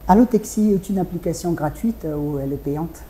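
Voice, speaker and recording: A woman hosting a business web show, asking formal, measured interview questions. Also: fairly low pitch, dark tone.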